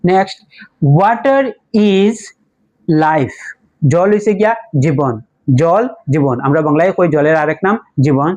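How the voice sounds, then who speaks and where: A man's voice: fairly high pitch, slow, darkish tone, rough recording. A man with a Sylheti Bengali accent teaching English patiently. He asks questions and answers them himself, and spells words out letter by letter. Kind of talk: classroom-style lesson explanation.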